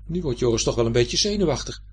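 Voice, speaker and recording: A man narrating a children's story in an expressive, lively way. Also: mid-range voice, fast talker, a little hiss or hum.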